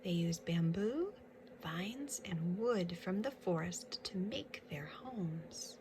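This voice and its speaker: Against some background noise, a woman with a fairly low, expressive voice reads a picture book to small children. Her approach is instructive, and she stops to point out the pictures, asking questions and making offhand comments about them.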